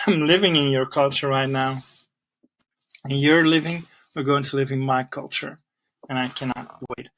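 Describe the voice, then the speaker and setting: A middle-aged Flemish man speaks English with his native accent, talking straight to the camera as a language teacher. He sounds earnest and heartfelt, and he addresses the viewer warmly. His voice sits at an ordinary male pitch. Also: steady tone, a little slow, long pauses, poor audio. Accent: Flemish Belgian. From Belgium (Flanders, near Antwerp). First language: Dutch (Flemish). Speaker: language teacher and channel host. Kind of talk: personal channel introduction to camera.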